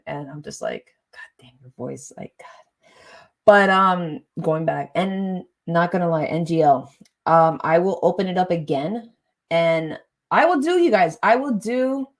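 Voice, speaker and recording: A young adult woman chatting casually and rambling on her live stream, often trailing off and breaking into laughter. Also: deep voice. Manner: chatty, rambling, quick swings into laughter and exasperation.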